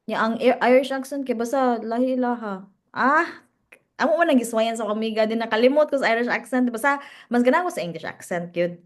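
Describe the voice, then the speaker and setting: A woman's voice: on the high side, a little fast. A woman with a Cebuano accent co-hosting a podcast, chatting casually, mixing English and Cebuano and laughing often. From Cebu, Philippines. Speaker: podcast co-host. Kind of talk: casual chat.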